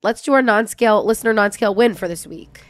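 A woman's voice: mid-range voice, fast, no room sound. A woman co-hosting a podcast in casual chat, her voice stuffed up by a bad cold. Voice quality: congested, stuffy nose. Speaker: podcast co-host.

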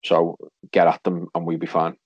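Deep, flat-toned man on dull call audio. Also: normal speed, slightly rough, dry recording. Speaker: football podcast guest. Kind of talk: casual football chat. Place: video call over Skype.

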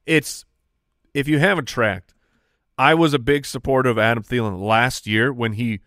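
A man's voice: medium pitch, normal speed, fairly bright tone, no echo, clean studio sound. A man co-hosting a fantasy football podcast in casual banter, reeling off player stats. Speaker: podcast co-host. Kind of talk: casual sports chat.

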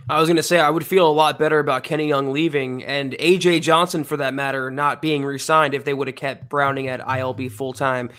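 A man co-hosting a sports podcast, talking in a relaxed, conversational way with fillers. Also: mid-range voice, brisk, hardly any pauses, smooth. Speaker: podcast co-host. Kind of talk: casual sports podcast talk.

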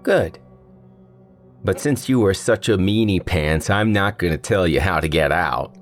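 A gravelly childlike killer. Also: male voice, a little slow, faint music behind. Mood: taunting. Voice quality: high-pitched yet gravelly, like an excited kid. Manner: singsong, repeats words. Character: childlike masked male killer, gleeful and menacing.

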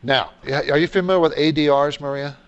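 A man's voice: a little high, fairly even intonation, a little fast, clear, resonant tone, lo-fi sound. A man hosting a radio call-in show, giving explanatory, unscripted financial advice and posing questions he answers himself.

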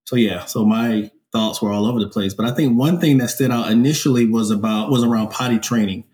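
A man guest on a podcast, speaking in a thoughtful, measured way and often saying "you know". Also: medium pitch, darkish tone. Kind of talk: reflective conversation.

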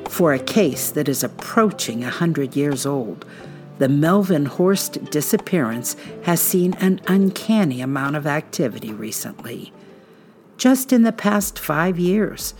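Narrating a true-crime script for her podcast, this host builds suspense with a measured pace and well-placed dramatic pauses. She speaks with a fairly low pitch and a darkish tone.

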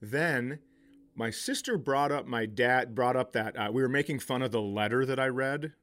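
This comedian podcast host, a middle-aged man, recounts stories in a casual, profane, animated way, voicing the lines people said. His pitch is medium and his speed normal.

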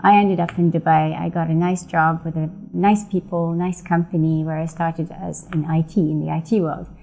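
Woman guest from Iraq, lively storyteller; lowish, mellow voice. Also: vocal fry, low-quality recording. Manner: animated storytelling, acts out dialogue. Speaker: guest, events founder. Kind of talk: podcast interview.

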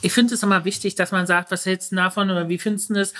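A woman's voice: mid-range voice, fairly even intonation, fast, fairly bright tone. A woman comedian, a podcast guest, talking frankly and bluntly in casual slang, often restarting her sentences. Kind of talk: casual chat.

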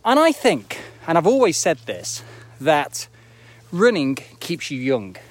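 Walking uphill outdoors near an airport, a man in his forties delivers a reflective, easygoing motivational talk on a live video as a running coach. His high-leaning voice swoops wildly in pitch, he takes it slowly, and he frequently poses rhetorical questions to check in.

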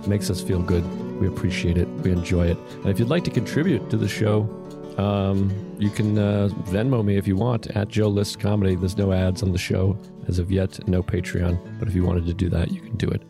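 A man hosting a casual podcast, talking in a relaxed, reflective way and swearing now and then. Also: low voice, brisk, music in the background. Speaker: podcast host.

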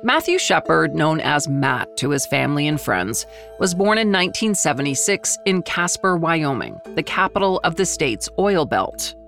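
Woman, podcast narrator, low voice, lively intonation, scripted storytelling. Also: normal speed, creaky, soft background music.

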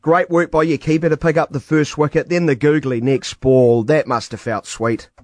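A male interviewer asks chatty, probing questions about a match. His voice sits a little high. The recording is close and dry. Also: fairly even intonation, moderate pace, darkish tone, no echo. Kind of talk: sports interview.

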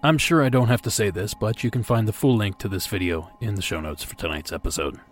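A man hosting a podcast with scripted, measured but conversational delivery. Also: fairly low pitch. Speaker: podcast host. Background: faint music.

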